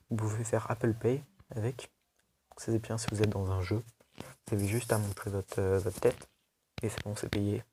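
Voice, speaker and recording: A young man with a lowish, mellow voice casually reviews a tablet for his video channel. He's chatty and loose, full of fillers and restarts, and there's a little hiss or hum in the audio.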